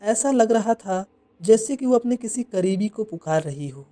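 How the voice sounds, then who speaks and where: A narrator reading a scripted horror story in an even, measured way. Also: mid-range voice. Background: faint music.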